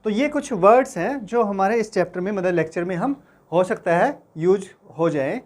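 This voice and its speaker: A man's voice: high voice, expressive, normal speed, a little mellow. A man teaching physics in Hindi to exam students, friendly and reassuring, often checking that they follow along. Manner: friendly, addresses students as beta, asks for confirmation often.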